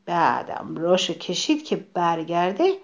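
A woman reading a children's story aloud, animated and addressing the children directly. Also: on the low side.

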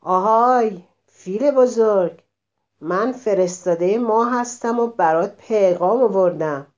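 Wise old rabbit elder, gentle and reassuring, as a woman reads it, storybook voice, plain middle pitch. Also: sing-song, highs cut off, natural voice. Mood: calling out.

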